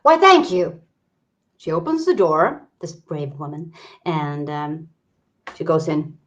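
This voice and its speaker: A woman taking part as a player in a tabletop game, speaking in a measured, thoughtful way. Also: deep voice, big pitch swings, muffled recording.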